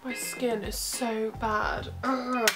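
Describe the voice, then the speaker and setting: Loud music plays over this low-quality clip of a young woman filming a makeup tutorial close to the camera in her little bedroom. Congested from a cold, she talks slowly in a slightly high voice, keeping things casual and chatty with the odd giggle.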